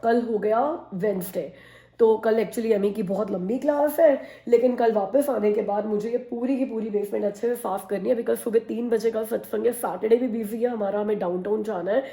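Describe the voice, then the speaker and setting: A woman's voice: on the high side, fairly even intonation, normal speed, warm tone. A woman in her thirties with a Hindi accent, chatting casually to her vlog audience and poking fun at herself. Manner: chatty, mixes Hindi and English, self-mocking. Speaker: vlogger.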